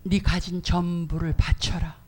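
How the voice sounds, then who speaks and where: A solemn, commanding divine voice, put on by a woman preacher, drawn out very slowly. At times it drops to a hushed whisper. It is grave and unhurried. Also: fairly low pitch, little pitch movement, slightly rough, voice pushed down. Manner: slow, solemn, partly whispered. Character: commanding voice of God, solemn and slow.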